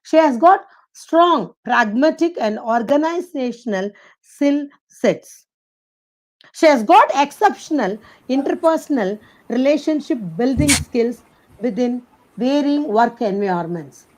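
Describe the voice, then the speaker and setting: A woman's voice: sits high, expressive, measured pace, a little mellow, poor audio. Woman host reading a formal introduction. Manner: reads a prepared bio, then gives instructions. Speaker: program host introducing speaker.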